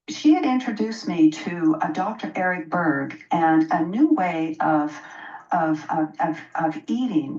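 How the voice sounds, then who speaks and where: Emphatic low-voiced woman in her sixties. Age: 60s. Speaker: interview guest, health practitioner. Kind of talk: conversational radio interview, personal explanation. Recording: dull, roomy, distant microphone sound.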